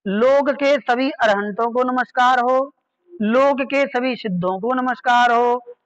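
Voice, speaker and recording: A man's voice: extremely high pitch, slow, a bit bright, smooth, muffled recording. A man teaching an online scripture class, patiently repeating key words and quizzing his listeners. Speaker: religious studies teacher.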